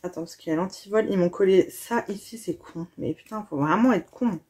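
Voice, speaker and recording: Young woman, casual unboxing vlogger, gushing and chatty, tired tone, medium pitch. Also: brisk, dark tone, slightly rough. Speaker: vlogger unboxing a gift box.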